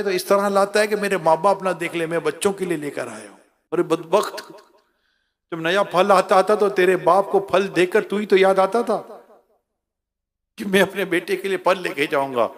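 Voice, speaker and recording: A man delivering an emotional sermon, telling a story with dramatic swings between loud cries and hushed lament, repeating words for emphasis. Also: sits high. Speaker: preacher.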